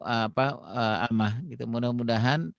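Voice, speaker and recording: A man's voice: mid-range voice, level tone, moderate pace, vocal fry, no echo, studio quality. A man speaking on parenting in a casual, explanatory way, dropping frequent fillers and acting out little dialogues. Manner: explains with many "gitu" fillers, acts out phone dialogues.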